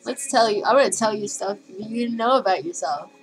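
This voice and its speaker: A woman's voice: medium pitch, expressive, brisk, rough recording. A teenage girl recording a casual video message to a crush, giggly and nervous, rambling and swearing a lot. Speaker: vlogger. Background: faint music playing.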